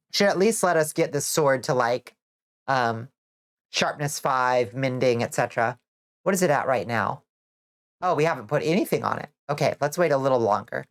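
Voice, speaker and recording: A woman chatting casually with her chat as she plays a game, sounding nasal and stuffy from congestion, rambling and swearing now and then. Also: rumbling low. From Georgia, US. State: stuffy nose. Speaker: vtuber streamer. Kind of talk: casual chat while gaming, reading chat.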